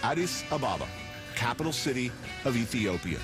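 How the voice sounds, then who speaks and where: A man's voice: medium pitch, big pitch swings, brisk. Wry male documentary narrator. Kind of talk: scripted narration. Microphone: studio voice-over. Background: guitar music.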